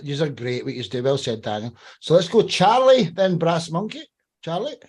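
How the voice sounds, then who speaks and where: A man's voice: fairly high pitch, moderate pace, a little mellow, breathy edge. A man hosting a panel podcast in a casual, conversational style, handing over between speakers. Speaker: podcast host.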